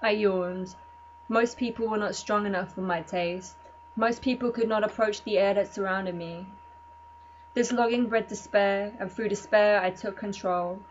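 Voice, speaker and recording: Woman, spoken word poet, deadpan, measured delivery, muffled sound, faint hum. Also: mid-range voice. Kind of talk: spoken word poetry reading.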